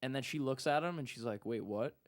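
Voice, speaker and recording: A man's voice: medium pitch, quick pace. A young man telling a story in casual talk, acting out what people said. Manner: animated, acts out quotes. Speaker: guest.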